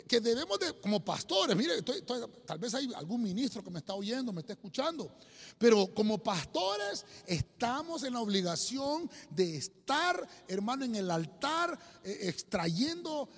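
A man, a pastor, preaching an emphatic sermon to listeners online and calling them brother again and again. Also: extremely high pitch. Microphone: streamed to listeners online. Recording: long hall reverb.

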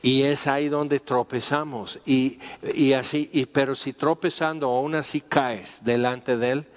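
A man's voice: medium pitch, steady tone, a little slow. A man teaching through a Bible passage in an informal, conversational way. He repeats himself and uses many fillers as he talks. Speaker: preacher. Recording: dull, lo-fi sound with long hall reverb.

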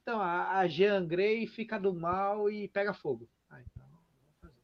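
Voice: mid-range voice, normal speed. A speaker with a Brazilian Portuguese accent chats casually about movies. The tone is sarcastic and joking, with frequent exclamatory asides. The recording sounds slightly dull and muffled.

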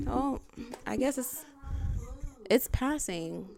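A woman's voice: a little high, expressive, very slow, vocal fry, a little mellow. A woman in her thirties co-hosting a podcast, talking bluntly and profanely in casual chat. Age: 30s. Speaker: podcast co-host.

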